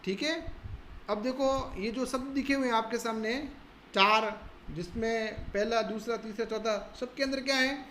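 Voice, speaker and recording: A male teacher, leading a school lesson step by step and slowly repeating each word for his students. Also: extremely high pitch, sharp tone. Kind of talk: school lesson on a textbook chapter. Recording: echoey room, faint background hiss.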